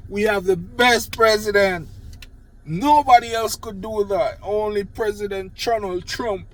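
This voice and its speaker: An older Jamaican man with a Jamaican accent, a political commentator, rants sarcastically about politics into his phone, heaping mocking praise and swearing bluntly. His voice is high-pitched and a little slow. The recording is rough and unedited.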